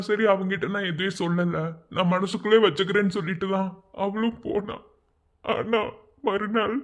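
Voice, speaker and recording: A man voicing an earnest teenage schoolboy in a cartoon, patiently explaining and protective of his friend. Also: high-pitched. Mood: reflective. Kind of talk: cartoon voice acting.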